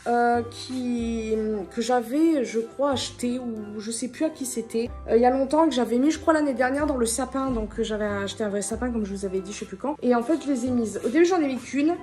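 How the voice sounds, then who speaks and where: A woman's voice: on the high side, brisk, dark tone, faint music behind. A woman chatting casually to her vlog audience at home, rambling and tripping over her words. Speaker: vlogger. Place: at home indoors.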